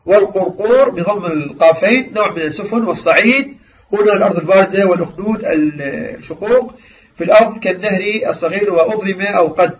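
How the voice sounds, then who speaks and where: A man's voice: high-pitched, quick pace. A man teaching a religious lesson, explaining word meanings and asking his class questions. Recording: distant, dull lo-fi recording.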